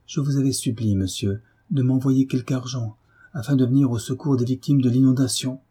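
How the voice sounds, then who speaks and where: A male reader voicing a dignified wife and mother who speaks gently but firmly. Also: mid-range voice, steady tone, a little fast, husky, pitched above the performer's own voice, natural voice. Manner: gentle yet firm, dignified.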